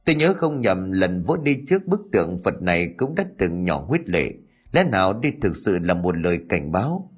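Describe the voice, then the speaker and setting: A man's voice: deep voice, sing-song, moderate pace, husky, faint music behind, heavily acted. A man voicing an aged, respected village elder in a storybook, talking in an anxious, earnest way. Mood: worried. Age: older.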